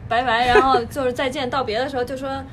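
A woman from Beijing, a podcast guest, explaining things in a rapid, matter-of-fact way, recorded with an audible background hiss. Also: high-pitched, little pitch movement. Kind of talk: casual chat.

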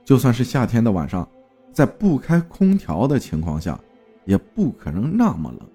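A man voicing a calm psychic warning of a haunted room. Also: medium pitch, moderate pace, husky, soft background music, voice pushed up, exaggerated voice. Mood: earnest warning.

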